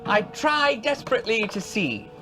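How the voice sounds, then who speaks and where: A man taking part as a player in a tabletop game, lively and excitable. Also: high voice, moderate pace, over music.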